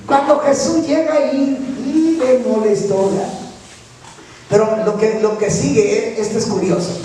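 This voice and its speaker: Male pastor, high voice, preaching from far off the mic in a very echoey church, keeps checking in with the congregation. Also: unhurried, warm tone, slight background noise. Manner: keeps asking the congregation "right?". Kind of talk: sermon. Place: church hall.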